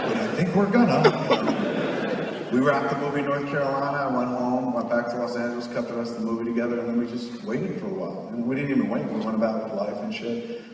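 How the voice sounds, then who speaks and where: A man in his 40s tells stories on a theater stage before a live audience, his mid-range voice running a little fast over a noisy background. He swears a lot and acts out the voices of the people he quotes with animated energy. The hall is echoey with long reverb, and he stands far from the mic.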